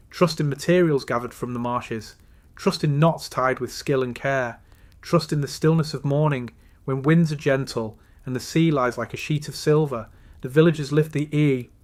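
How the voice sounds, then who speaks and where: A man narrating a guided sleep story in a soothing, measured way, slowly and with pauses between phrases. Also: mid-range voice.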